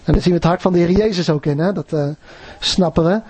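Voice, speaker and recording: Man, preacher, sermon, earnest, questioning, husky, dry close sound. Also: high voice, quick pace, darkish tone, no echo. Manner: earnest, conversational, asks the listeners questions.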